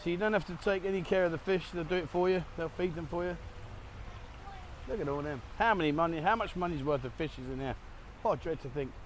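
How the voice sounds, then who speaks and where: A man's voice: on the high side, fast, a little hiss or hum. Chatty man vlogging at a cafe. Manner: chatty and rambling, laughs at his own slips. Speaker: travel vlogger. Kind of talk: casual vlog chat to camera. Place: cafe in Thailand, partly outdoors.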